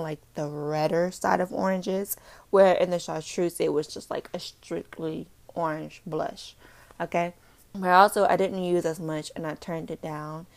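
A woman's voice: lowish voice, vocal fry. A woman hosting a makeup podcast in a chatty, rambling way, with playful asides. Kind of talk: casual chat.

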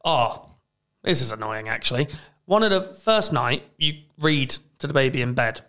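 A man co-hosting a casual gaming podcast, talking with dry, deadpan humour and laughing easily. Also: mid-range voice, moderate pace, clean tone. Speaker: podcast co-host. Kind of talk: casual chat.

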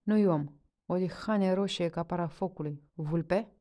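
A woman's voice: on the low side, warm tone, close to an everyday voice. A woman reading a story aloud voices a breathless young man reporting a beast. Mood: alarmed. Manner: breathless, insistent. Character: young male villager, out of breath.

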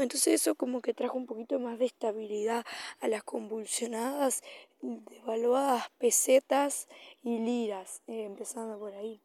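A woman from Latin America presents a solo podcast in a fairly high, mellow voice. She speaks off the cuff, hesitating and correcting herself as she explains. The sound is very dry, with no room echo. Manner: improvised, hesitant, self-correcting delivery. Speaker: podcast host. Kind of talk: informal solo podcast commentary.

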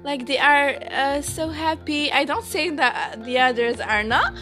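A woman's voice: high voice, lively intonation, a little slow, pushed and bright, faint music behind. A woman in her late teens from Morocco, hosting a casual podcast chat, giggling often and stopping to restart with many fillers. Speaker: podcast co-host.

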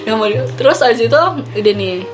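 A young woman with a Jakarta accent tells stories casually, in animated, slangy South Jakarta gossip style. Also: on the high side, fast talker, faint music behind. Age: young adult.

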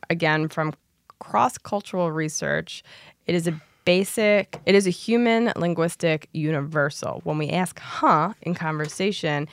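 A woman's voice: low voice, no echo, studio quality. A woman co-hosting a podcast, explaining things in an informal, slightly rambling chat. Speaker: podcast co-host. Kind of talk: casual explanatory chat, some reading aloud.

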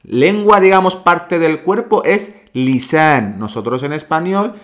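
A man's voice: a little high, lively intonation. A man, hosting a language lesson podcast and patiently repeating sounds for learners. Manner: slow, patient, drills sounds by repeating them. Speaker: Arabic teacher, podcast host.

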